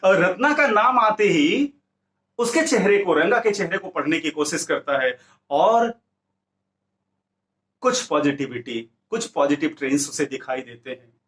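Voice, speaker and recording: A man with a high voice works through a story lesson for his students, mixing Hindi and English as he goes. He sounds like a teacher retelling a plot, recorded in an echoey room. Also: expressive, a little slow, fairly bright tone. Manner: explanatory storytelling, switching between Hindi and English.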